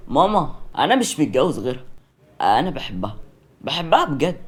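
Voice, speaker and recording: Sneaky young egyptian guy, low and teasing, narrator putting him on. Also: sing-song, brisk, slightly rough. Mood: earnest. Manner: low, sly and taunting. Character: young man, sly and teasing.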